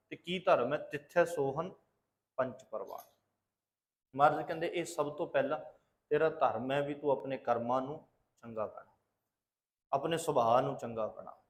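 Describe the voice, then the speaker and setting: Male preacher, scripture exposition sermon; measured recitation of verses, then teacherly explanation with rhetorical questions. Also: a little high. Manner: teacherly, asks and answers his own questions. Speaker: Sikh preacher giving katha.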